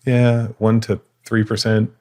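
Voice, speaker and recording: Deep-voiced man explaining at length. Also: completely flat delivery, unhurried, mellow. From East Africa, grew up in Sudan and Kenya. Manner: thoughtful, explains at length with frequent restarts. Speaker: guest. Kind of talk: casual conversational interview.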